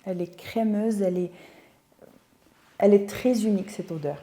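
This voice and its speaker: A woman's voice: mid-range voice, moderate pace, warm tone. A woman, a guest telling her story in a casual interview, thoughtful and searching for words. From Tunisia. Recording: roomy echo.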